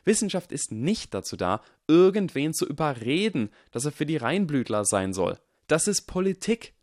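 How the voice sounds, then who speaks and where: A man reading the part of a calm, earnest young wizard who explains his reasoning in a measured, persuasive way. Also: fairly high pitch, no echo, clean studio sound, pitched above the performer's own voice. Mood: earnest lecturing. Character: calm, earnest boy wizard lecturing on science.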